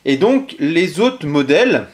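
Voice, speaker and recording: A man giving a casual show-and-tell presentation of a game console he collected. He talks hesitantly, with many fillers, pauses and self-corrections. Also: fairly high pitch, sing-song, slight background noise.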